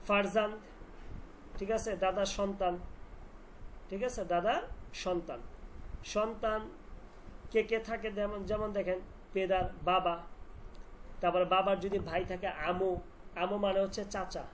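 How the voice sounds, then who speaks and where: A man's voice: sits high, fairly even intonation, a little slow, pauses often. Guy teaching a farsi class, says each word over and over then asks what it means, bit of background hiss. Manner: repeats words and drills meanings with questions. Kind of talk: online language class.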